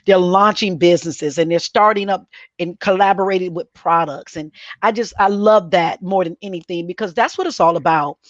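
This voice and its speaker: A woman's voice: fairly low pitch, moderate pace, no echo, lo-fi sound. A woman co-hosting a podcast in an upbeat, casual chat, often repeating words as she gets going. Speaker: podcast co-host.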